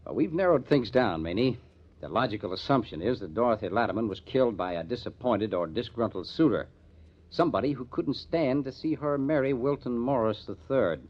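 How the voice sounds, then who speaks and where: Playing a matter-of-fact police captain in a vintage radio crime show, a man speaks fairly quickly in a medium-pitched, slightly rough, expressive voice. The recording is muffled, and his tone stays plainspoken, businesslike, and emphatic.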